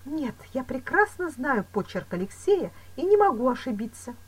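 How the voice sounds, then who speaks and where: An anxious young heroine , voiced by a woman narrator, cries out in a high, husky voice that swings widely between pleading and alarm. Her lines come in quick, breathless bursts, as in a storybook reading. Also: big pitch swings, exaggerated voice, poor audio. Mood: distressed. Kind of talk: audiobook character reading.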